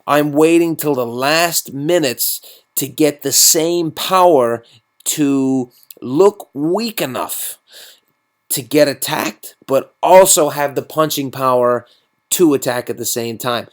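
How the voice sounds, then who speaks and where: A man's voice: on the high side, slow pace. Loose, swearing man talking through a game. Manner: loose, profane, rambling. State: tipsy after drinking. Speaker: mobile game channel host. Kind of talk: casual gameplay commentary.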